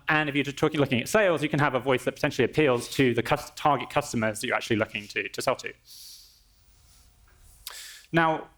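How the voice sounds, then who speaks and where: A man presenting a live software demo on a conference stage, explaining in a conversational way with frequent restarts. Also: mid-range voice. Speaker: engineer presenting a product demo.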